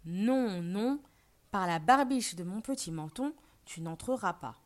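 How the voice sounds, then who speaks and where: A woman's voice: mid-range voice, lively intonation, unhurried, close to an everyday voice. A woman voicing a small, polite male piglet in a storybook reading for learners, asking nicely and then refusing firmly. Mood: defiant.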